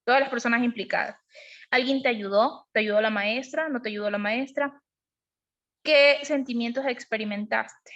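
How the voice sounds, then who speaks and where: High-voiced woman teaching a parenting class. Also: moderate pace, fairly bright tone. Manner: explanatory, asks frequent checking questions. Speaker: parenting educator. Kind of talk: online class on emotional parenting. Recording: dull lo-fi sound.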